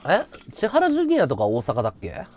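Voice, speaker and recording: A man's voice: fairly high pitch, wildly swooping pitch, brisk, a little mellow, faint music behind. A man hosting a casual livestream chat, talking freely and thanking viewers for gifts. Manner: chatty, reacts to viewer gifts. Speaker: livestream host.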